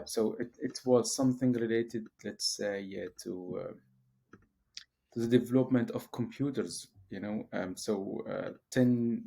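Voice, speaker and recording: Professor type from Syria, deep gravelly tone, slow-to-find-words interview answers. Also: male voice, mellow. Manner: hesitant, many fillers and restarts. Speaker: guest, professor.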